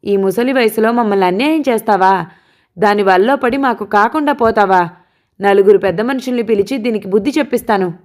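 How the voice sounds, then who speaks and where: A woman voicing a scornful older mother who shouts, taunts and wails at her son's lover, in an audiobook. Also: medium pitch, moderate pace, lightly acted. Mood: wailing, bitter. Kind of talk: audiobook character voice.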